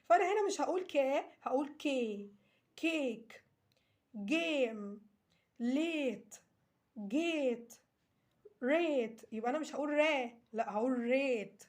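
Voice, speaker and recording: A young woman with a high voice and an Egyptian Arabic accent talks through English letter sounds. She goes patiently, repeating each example word and stressing its sound. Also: lively intonation, moderate pace, long pauses, darkish tone. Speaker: English teacher. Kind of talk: explaining phonics lesson.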